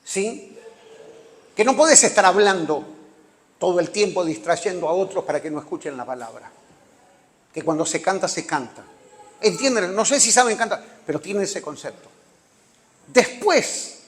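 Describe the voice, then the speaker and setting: A man's voice: high-pitched, a bit bright. A man with a Rioplatense Spanish accent preaching a conversational sermon, asking listeners rhetorical questions and acting out church members. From Argentina. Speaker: pastor. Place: church hall. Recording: long hall reverb.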